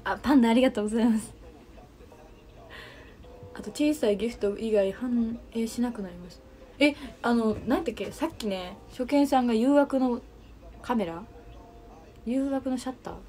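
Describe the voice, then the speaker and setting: A woman's voice: a little high, moderate pace, pauses often, warm tone. A young woman with a Kansai Japanese accent hosting a casual livestream, chatting and answering viewer comments. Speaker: livestream host.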